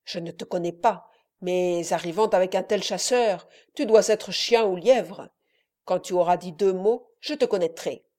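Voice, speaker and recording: A woman's voice: on the low side, measured pace, warm tone, natural voice. A woman voicing a wary, calculating middle-aged innkeeper in a storybook reading, polite but guarded. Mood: scheming.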